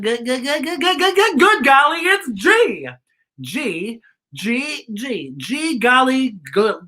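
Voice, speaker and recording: This woman's fairly high, sharp voice leads a playful children's story hour. She's campy and sassy in a drag-style way, theatrical and exclamatory, and breaks into bits of singing.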